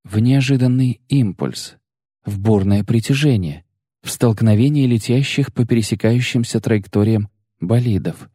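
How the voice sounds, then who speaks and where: A man's voice: mid-range voice, moderate pace, warm tone, breathy edge, dry recording, studio quality, close to an everyday voice. A man voicing a sly, sensual young sorceress in an audiobook reading, teasing, coaxing and self-assured. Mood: musing.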